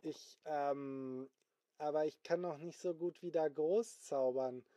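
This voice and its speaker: A man's voice: fairly high pitch, steady tone, slow, mellow. A man voicing a flustered, apologetic male apprentice magician in a spoken bedtime story, hesitant and full of fillers.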